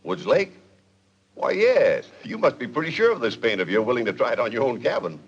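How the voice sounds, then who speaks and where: An actor playing a formal, brisk school board official speaking by phone in a 1940s film. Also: male voice, medium pitch, big pitch swings, husky. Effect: phone line. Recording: dull old film audio.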